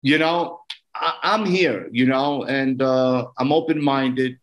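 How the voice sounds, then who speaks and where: A man's voice: medium pitch, slow pace, lo-fi sound. A man with a Brooklyn accent chatting casually as a podcast guest, earnest and often repeating his phrases. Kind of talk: casual conversation.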